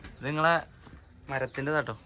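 A man's voice: mid-range voice, a little fast, noisy background. A man with a northern Kerala Malabar Malayalam accent, chatting casually and teasingly as he hosts a vlog. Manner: playful, teasing, chatty with companions and children. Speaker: vlogger showing guests around a resort.

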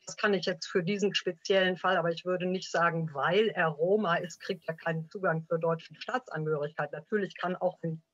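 An older woman, a law professor on an online panel, speaking haltingly and losing her thread. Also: on the low side, fairly even intonation, no room sound. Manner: hesitant, loses her thread. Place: dim room with bookshelves. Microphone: video call. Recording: dull lo-fi video call audio.

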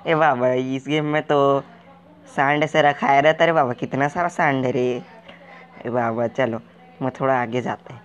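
In comic gaming commentary, a man performs a clueless, excitable, uneducated wanderer who sounds baffled and jittery, naive and jumpy. Nearly every line closes on a stretched-out "re baba." His natural mid-range voice stays steady in tone, and the recording is muffled.

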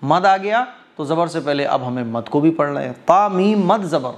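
A man's voice: fairly high pitch, expressive. Patient man teaching Quran recitation. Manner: explains step by step, often checks understanding; chants verses slowly with drawn-out vowels. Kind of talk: tajweed lesson.

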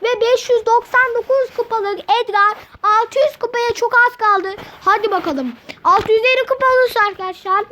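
Brief: high-pitched woman, excitable mobile game commentary, slangy and repetitive. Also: moderate pace, a little hiss or hum. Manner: excitable, slangy, repeats words in chants. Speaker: gaming channel host.

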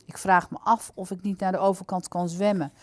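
A woman's voice: medium pitch, little pitch movement, a little fast, no room sound, natural voice. A woman reading the lines of a thoughtful, determined young male hero in a storybook. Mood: pondering.

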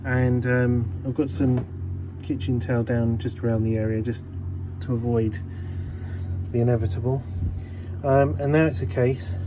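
In a small cabin, a mid-range-voiced man holds a phone in one hand and casually shows how he changes the engine oil on his boat. His chatty how-to talk is practical and peppered with ums, with background noise audible.

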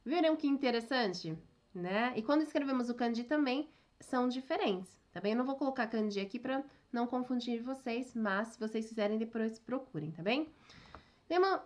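Lively, high-voiced woman teaching online. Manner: chatty, keeps checking in with "né?" and "ok?", laughs at herself. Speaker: Japanese teacher. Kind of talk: online language lesson.

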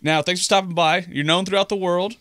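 A man's voice: sits high, fairly even intonation, brisk, a bit bright, no echo. A young man hosting a radio interview, chatty and eager, using lots of fillers in a small studio. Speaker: radio host. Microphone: studio mic on boom arm.

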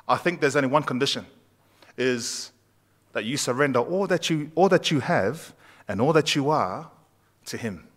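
In a church sanctuary, a pastor in his thirties preaches conversationally, asking his congregation questions along the way. His voice is medium-pitched and fairly bright, recorded by a far camera at the back.

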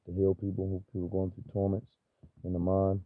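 A man preaching freely and informally, with a stutter, halting and restarting through many fillers. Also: low-pitched, completely flat delivery, no echo. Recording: tinny phone-like, dry.

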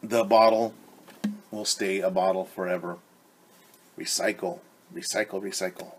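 A man in his forties, a teacher, reads a storybook aloud to young children indoors in a home living room, addressing them directly and repeating key words. His low voice is steady and unhurried, with a slight hiss or hum.

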